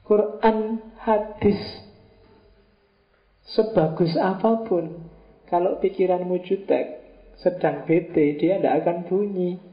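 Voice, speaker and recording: A man's voice: high voice, slow pace, pauses often. A man giving a casual philosophy lecture, chatty and joking, with rhetorical questions. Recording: roomy, dull lo-fi lecture recording.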